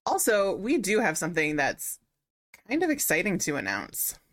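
A young woman co-hosts a podcast in a relaxed, giggly manner, often laughing between lines. Her voice is somewhat low and easygoing. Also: moderate pace. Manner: giggly, laid-back, playful. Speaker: podcast co-host. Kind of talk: casual chat.

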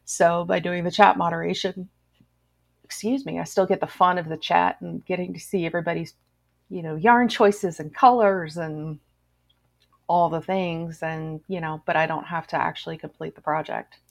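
Gravelly-voiced woman telling a story. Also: fairly low pitch, moderate pace. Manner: lively storyteller, acts out quoted voices. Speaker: podcast guest, crochet tech editor. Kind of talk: casual podcast chat.

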